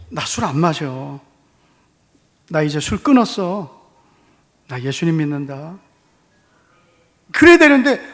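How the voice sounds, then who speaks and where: Animated Gyeongsang preacher in a reverberant church. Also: male voice, sits high. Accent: Gyeongsang Korean. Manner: animated storytelling, acting out dialogue. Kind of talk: testimony sermon. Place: church hall.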